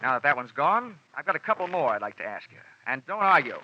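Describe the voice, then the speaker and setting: In a dull, lo-fi old radio recording with music and a little hiss or hum, a man narrates and plays a hard-boiled insurance investigator in a 1950s radio drama. His voice is a little high and sing-song, he talks fast, and his delivery is wisecracking and dry.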